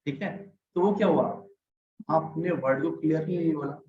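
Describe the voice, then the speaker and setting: Man teaching speaking skills, casual, chatty, higher voice, roomy muffled sound. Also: a little hiss or hum. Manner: chatty, asks the audience "right?" often; acts out examples by speeding up, slowing down and getting louder. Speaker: communication skills trainer. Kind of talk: casual lesson.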